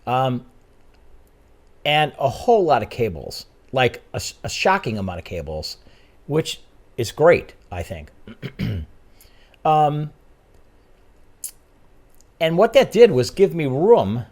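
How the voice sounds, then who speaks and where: Man, middle-aged, podcast host, lively pitch, rambling casual chat. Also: takes it slowly, long pauses. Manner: chatty, rambling, laughs often. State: out of breath.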